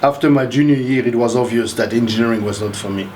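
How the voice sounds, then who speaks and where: An older Haitian math professor in his sixties rambles loosely through a casual interview, circling back and restarting sentences. He talks quickly in a middling pitch with a darkish tone, while faint noise hums in the background.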